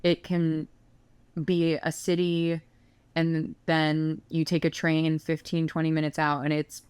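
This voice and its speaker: A woman's voice: low voice, monotone, takes it slowly, darkish tone, smooth, no echo. A woman co-hosting a podcast, agreeing and adding reflective remarks in casual conversation. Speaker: podcast co-host.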